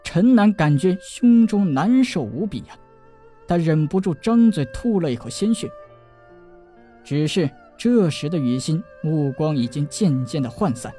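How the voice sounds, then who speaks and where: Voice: mid-range voice, warm tone. 情绪饱满的有声书说书人. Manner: emotive storytelling with drawn-out endings. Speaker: narrator. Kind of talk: dramatic audiobook narration.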